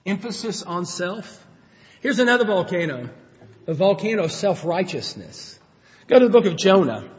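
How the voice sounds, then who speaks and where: A man preaches to his congregation in a high voice, talking plainly and asking them direct questions. His delivery swings between hushed and loud. The sound is dull and carries a long reverb from a large hall. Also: very animated, normal speed. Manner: conversational, rhetorical questions, dynamic swings in loudness. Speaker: pastor. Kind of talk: sermon.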